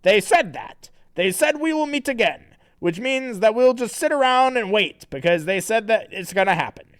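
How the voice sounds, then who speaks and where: A boastful cartoon hedgehog hero talks in a squeaky, very high voice, as a man puts him on. He stumbles and restarts, yet stays self-important and loud. The sound is clean and dry. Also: animated, normal speed, no room sound. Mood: smug.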